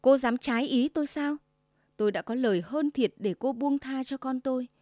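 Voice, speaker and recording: A woman voicing a harsh, domineering old mother-in-law with a shrill, commanding way of talking, in a storybook tale. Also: moderate pace, darkish tone, no echo, clean studio sound, close to an everyday voice. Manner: shrill, commanding, sugary then scolding.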